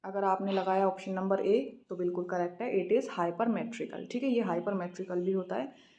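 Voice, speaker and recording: An Indian woman teaching English literature in an exam practice lesson, reading each question slowly and then explaining quickly in a mix of Hindi and English. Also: mid-range voice, steady tone, dark tone, highs cut off. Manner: repeats "theek hai" after each answer.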